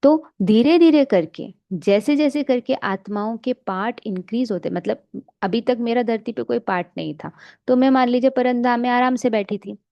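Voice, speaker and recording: A woman giving a calm, explanatory spiritual meditation lesson, asking rhetorical questions as she teaches. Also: a little high, moderate pace, vocal fry, no echo, muffled recording. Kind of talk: spiritual lecture mixing Hindi and English.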